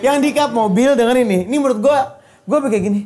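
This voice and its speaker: A young woman, an actress telling animated stories in casual chat, laughing and swearing freely. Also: fairly high pitch, fast talker. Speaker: actress and social media personality.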